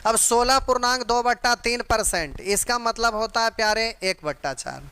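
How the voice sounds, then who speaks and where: A man's voice: very high voice, normal speed, bright, forceful tone, clear, resonant tone. A man teaching an exam-prep math lesson, drilling fractions and percentages aloud and calling his students dear ones.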